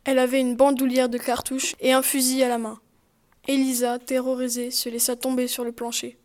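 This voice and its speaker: A woman narrates a story aloud and announces each chapter. Her voice is high and stays flat and even, with little rise or fall. The reading is plain and steady. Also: a little fast.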